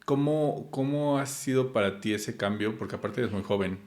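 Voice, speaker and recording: A man's voice: on the low side, normal speed, a little mellow. A man hosting a podcast interview, asking curious questions with hesitations and fillers. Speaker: podcast host.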